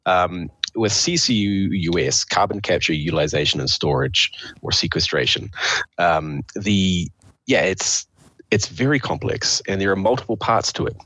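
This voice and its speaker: A man with a croaky, froggy voice, hoarse from a cold, explaining things step by step in a conversational interview. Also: low-pitched, expressive, moderate pace, fairly bright tone, no echo, rough recording. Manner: explains step by step, posing questions to himself. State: hoarse with a cold, clearing throat. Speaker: interview guest, official of a state energy authority.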